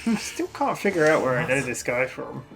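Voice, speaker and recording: A woman hosting a reaction show in a casual, amused way. Her voice sits low but swings around expressively, with music playing clearly behind her. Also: big pitch swings, fairly quick, poor audio.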